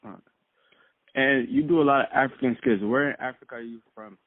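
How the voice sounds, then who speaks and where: Male interview host, relaxed short questions, lo-fi phone line. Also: medium pitch, fairly quick, dry recording. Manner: relaxed, brief questions, says okay often. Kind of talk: casual interview. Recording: tinny phone-line sound.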